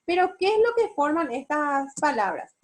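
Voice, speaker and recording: Very animated and high-voiced, this Paraguayan-accented woman teaches spelling online as a university instructor. She takes it slowly, explaining each step and frequently posing rhetorical check questions to her students.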